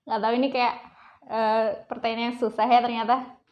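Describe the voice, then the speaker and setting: A woman's voice: fairly high pitch, flat delivery, normal speed, lo-fi sound. A young woman, a student guest, talking in a chatty way and searching for words.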